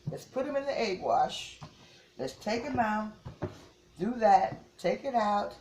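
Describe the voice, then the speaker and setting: A woman's voice: medium pitch, sing-song, takes it slowly, darkish tone, echoey room, slight background noise. A woman, chatting casually to viewers as she cooks at home and often repeats "yes, yes" and "okay?". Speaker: home cook. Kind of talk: casual cooking demonstration. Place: home kitchen.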